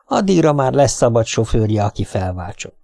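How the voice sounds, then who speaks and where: A man's voice: medium pitch, very animated, vocal fry, dark tone, no echo, studio quality. A man voicing a nervous middle-aged husband who coaxes and reassures his wife, in an audiobook. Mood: coaxing. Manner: coaxing, reassuring, plain.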